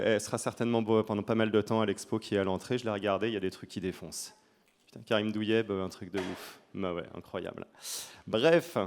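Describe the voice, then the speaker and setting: At a conference, a male speaker with a French accent gives an informal presentation. His mid-range voice carries a colloquial, joking, self-deprecating manner.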